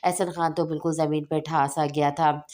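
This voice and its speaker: A woman narrating an audio novel in a steady, even reading voice. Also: low voice, moderate pace.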